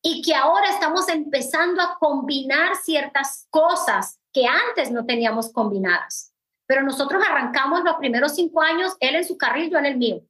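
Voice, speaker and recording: A woman's voice: sits high, lively intonation, normal speed, fairly bright tone, poor audio. A middle-aged woman giving a mentoring talk, emphatic and repetitive, speaking straight to her listeners. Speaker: mentor in a network-marketing business. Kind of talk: mentoring talk, personal advice.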